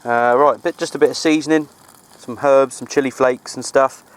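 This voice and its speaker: Steady in tone and mid-range, a man's voice chats at normal speed for his outdoor hobby vlog. He's an amateur CB radio enthusiast filming on a handheld camera in the countryside, talking in a relaxed, rambling way.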